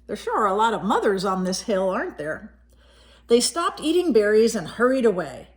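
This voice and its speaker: Her medium-pitched voice swinging broadly, a woman expressively reads a picture book to young children. She pauses to explain the illustrations and ask the kids questions.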